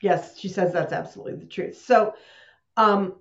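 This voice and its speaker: A woman's voice: mid-range voice, steady tone, moderate pace. A woman hosting a live online session, talking casually, laughing often and restarting sentences. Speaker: host. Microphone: computer mic on a video call. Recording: roomy, dull video-call audio.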